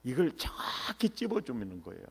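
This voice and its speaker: Brief: middle-aged male revival preacher, animated with sudden shouts, long church reverb. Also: mid-range voice, normal speed, gravelly, husky. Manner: animated, swings to shouts, quizzes the congregation. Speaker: pastor, revival meeting speaker. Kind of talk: revival sermon. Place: church sanctuary. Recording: echoey church hall.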